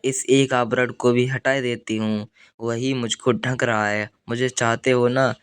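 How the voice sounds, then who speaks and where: A man's voice: mid-range voice, little pitch movement, a little slow, clear, resonant tone, no echo, close to an everyday voice. A man reading the part of a young married woman, bold and intense, in an audiobook, with an earnest, insistent delivery.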